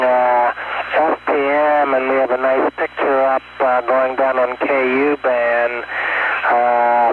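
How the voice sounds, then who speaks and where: A man, an astronaut, reporting to mission control in halting, procedural radio calls heard over a crackly space-to-ground radio link. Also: medium pitch. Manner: halting, many "uh" pauses, procedural. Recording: narrow crackly radio with static.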